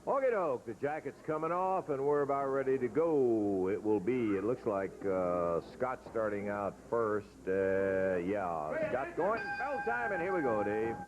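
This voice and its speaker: A man hosting a wrestling show, folksy and lively as he tosses to his partner. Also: mid-range voice, a little slow, hardly any pauses, crowd noise. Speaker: wrestling TV host. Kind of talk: hosting interview and commentary.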